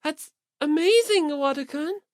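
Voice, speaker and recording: In a clean, dry studio recording, a woman performs a sweet, earnest, delicate teenage boy for an audiobook, sounding awed and moved. Her high voice is pitched somewhat above her natural one yet stays close to everyday speech, at a moderate pace.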